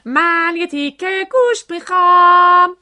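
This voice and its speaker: A woman voicing a noisy, shouting man in a children's story, drawing out his loud demands slowly. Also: high voice, sing-song, breathy edge, no echo, soft background music, heavily acted. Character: loud shouting grown man who learns quietness.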